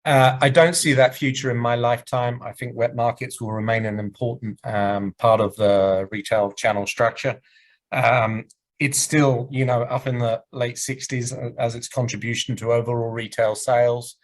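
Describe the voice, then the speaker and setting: Guy presenting market data on a video call, voice going a bit hoarse, steady and explanatory. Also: medium pitch, normal speed, rough recording. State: losing his voice. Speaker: presenter at a market research webinar. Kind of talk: business presentation and Q&A answers.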